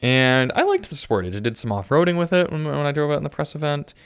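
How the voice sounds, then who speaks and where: A man's voice: on the high side, expressive, quick pace, clean tone. Chatty young man, podcast co-host. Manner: chatty, teasing, enthusiastic. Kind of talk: casual chat.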